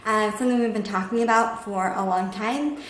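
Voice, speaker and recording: A woman with a mid-range voice speaks briskly while hosting a home cooking vlog, chatting casually as she demonstrates in her kitchen at home. The recording is echoey, with background noise.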